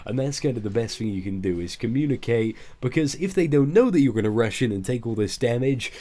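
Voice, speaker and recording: A man with a dark, mellow voice at a middling pitch talks through a video game in an informal, explanatory way. He sounds under the weather and slightly groggy as he gives his casual commentary. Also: lively intonation, fairly quick. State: ill, groggy. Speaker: gaming video creator.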